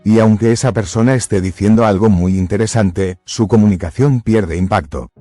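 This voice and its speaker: A man giving scripted motivational narration in a measured, emphatic way, close to the mic. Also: on the low side, warm tone, no room sound, soft background music.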